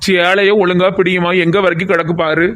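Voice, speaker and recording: A man voicing a gentle sensible village fellow, high voice. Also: little pitch movement, a little fast. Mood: reassuring. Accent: southern Tamil Nadu (Kanyakumari–Tirunelveli). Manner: gentle, scolding mildly, reassuring. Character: sensible kindly young village man, calm.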